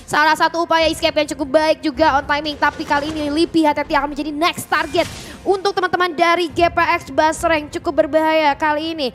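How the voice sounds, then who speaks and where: Indonesian female esports caster, high and rapid, English gaming terms mixed in. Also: little pitch movement. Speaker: esports commentator. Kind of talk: live game commentary. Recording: game music behind.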